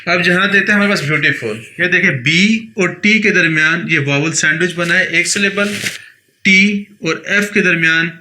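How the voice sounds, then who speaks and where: A fairly high, sharp-toned male voice with a Pakistani Urdu accent leads an English grammar class. He is patient, restating points and checking that everyone follows, recorded in an echoey space with faint noise.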